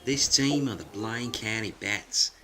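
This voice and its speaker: A crude, sarcastic sports reporter, played by a man, with a lowish voice. A crowd is clearly heard behind him. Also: unhurried, natural voice.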